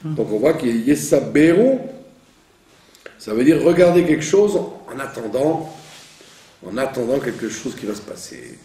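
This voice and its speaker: A man's voice: mid-range voice, lively intonation, moderate pace, pauses often, dark tone. A man teaching the reading of Hebrew prayer, patiently explaining and often checking that he has been understood. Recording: echoey room, from a distance.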